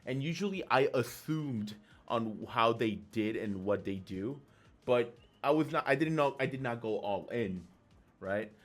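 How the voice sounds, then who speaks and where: A man's voice: medium pitch, lively intonation, unhurried. A man giving casual live commentary on a fighting game tournament, in a chatty, rambling way that trails off and restarts. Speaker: esports commentator and tournament organizer.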